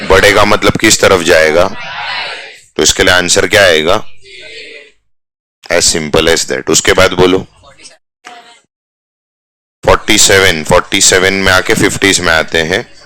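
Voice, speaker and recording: Male commerce teacher, low pitch with a forceful edge, jokey classroom banter, switches to English catchphrases. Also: steady tone, measured pace, pauses often. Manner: teasing, jokey, mixes English phrases into Hindi. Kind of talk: live classroom lecture.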